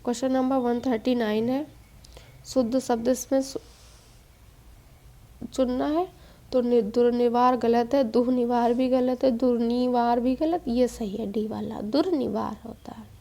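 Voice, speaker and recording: Woman teacher, exam-prep spelling lesson, steady and explanatory, higher pitch, soft warm tone. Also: unhurried. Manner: steady explaining tone, mixes English quiz terms. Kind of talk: spelling quiz walkthrough lesson.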